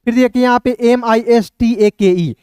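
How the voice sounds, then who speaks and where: A man's voice: extremely high pitch, normal speed, a little mellow, clear, resonant tone, dry recording. Male online teacher, patient drill style, spells letters then answers his own questions, dry close sound. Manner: keeps addressing viewers as friends. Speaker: English teacher. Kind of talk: online classroom lesson.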